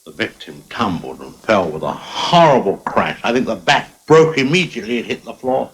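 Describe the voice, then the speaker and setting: A man in a documentary interview, halting and searching for words. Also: lowish voice, sing-song, fairly bright tone, low-quality recording.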